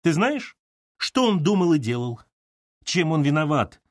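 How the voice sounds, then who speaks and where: A male narrator impersonates an older mother who is stern and commanding, firmly lecturing in a stern, authoritative voice. His pitch shifts with animated inflection at a measured pace. The recording is dry and close, with no room sound.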